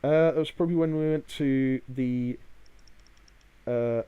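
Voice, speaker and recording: A man's voice: medium pitch, a little slow, clean tone, lo-fi sound. A man chatting casually as a podcast co-host, in a hesitant, rambling way full of filler phrases. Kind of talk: casual chat about a day out.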